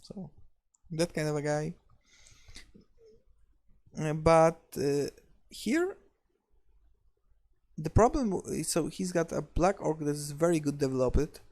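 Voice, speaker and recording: Gravelly-voiced man in casual recap chat. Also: on the high side, lively intonation, a little mellow. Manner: joking, restarts, halting filler-heavy phrasing. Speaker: league recap co-host.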